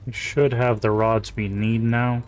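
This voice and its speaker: A man casually commenting on a game while streaming live, chatty and relaxed, with quiet mumbled asides. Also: medium pitch, measured pace, faint music behind.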